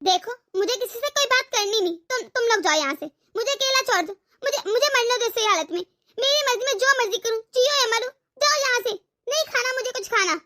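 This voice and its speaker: Woman doing a very high, bright, bossy cartoon mother-in-law who taunts and threatens. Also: expressive, fairly quick, few pauses, full character voice. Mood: scolding. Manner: shrill, taunting, melodramatic. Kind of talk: cartoon voice acting.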